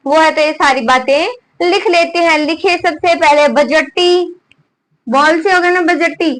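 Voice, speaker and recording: High-pitched, slow-dictating woman teacher. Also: fairly bright tone, poor audio. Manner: repeats items for students to write down; asks students questions and answers them herself. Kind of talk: classroom lesson dictating notes.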